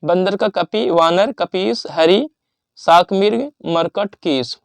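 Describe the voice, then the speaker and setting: A man teaching exam revision, reading out word lists and rules in a steady listing manner with pauses. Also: high voice, vocal fry, no room sound.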